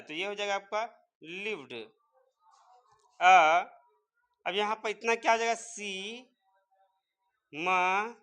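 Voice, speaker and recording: Man, English teacher, bright clear tone, step-by-step explaining. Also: high-pitched. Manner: explains step by step, quizzing with repeated questions. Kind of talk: spoken English lesson.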